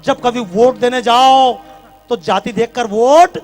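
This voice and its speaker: Impassioned man with a very high voice. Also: slow, faint music behind. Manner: impassioned, fires rhetorical questions at the crowd. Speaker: religious speaker addressing a crowd. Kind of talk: fiery public speech. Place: large tent gathering.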